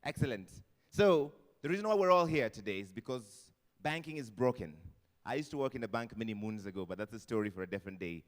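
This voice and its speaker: A man's voice: mid-range voice, lively intonation, quick pace, hardly any pauses. A man with a Kenyan accent hosting a live event, chatty and joking, mixing Swahili into his English. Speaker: event host. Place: event hall with a live audience. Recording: long hall reverb.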